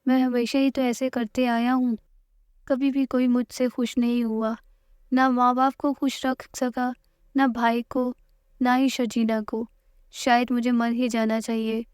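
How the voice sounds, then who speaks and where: A woman's voice: a little high, level tone, a little mellow, clear, resonant tone, dry recording, studio quality, close to an everyday voice. Woman reading a despairing young husband. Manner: plain read-aloud quote.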